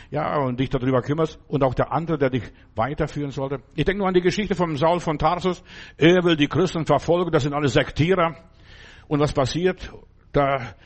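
An older man gives a loose, conversational sermon, his voice sitting somewhat high for a man. He keeps turning to the listener with questions, checking again and again that they understand. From Germany. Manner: conversational, keeps asking "verstehst du?". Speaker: preacher. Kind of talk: informal sermon.

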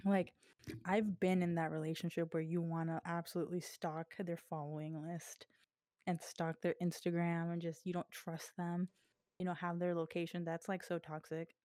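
Young woman co-host, low-ish voice, chatty and filler-heavy, a little out of breath, dry close mic. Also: flat delivery, normal speed, mellow, no room sound. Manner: chatty, fillers like "like", laughs often. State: coughing, breathing hard. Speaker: podcast co-host. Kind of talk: casual chat. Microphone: podcast mic.

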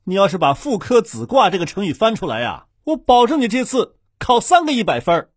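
A man's voice: high voice, very animated, a little fast, no echo. A man playing an exasperated dad. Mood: indignant. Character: exasperated young father, teasing his son. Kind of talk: comic family audio drama.

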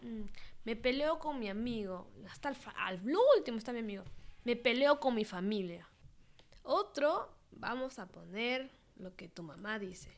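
A woman's voice: a little high, lively intonation, moderate pace. A young woman, casually reading out search suggestions and adding playful, wry asides as a vlogger.

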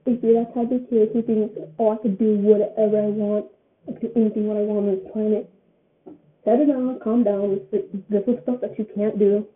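A woman's voice: medium pitch, level tone, brisk. An eighteen-year-old woman giving her opinion in a casual vlog, rambling and often repeating her phrases. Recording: tinny phone-like sound.

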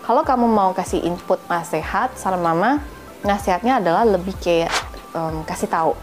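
A woman hosts a casual podcast, handing out friendly advice in a playful, expressive way. She mixes English phrases into her talk. Music plays clearly in the background. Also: fairly low pitch, normal speed. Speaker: podcast host.

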